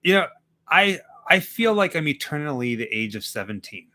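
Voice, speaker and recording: A man in his forties jokes around on a livestream and thanks viewers as he goes. His pitch swoops up and down a lot, and his tone is very bright. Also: normal speed. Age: 40s. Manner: animated and joking, thanks viewers. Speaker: co-host of a horror watch-party stream. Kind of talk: casual livestream chat.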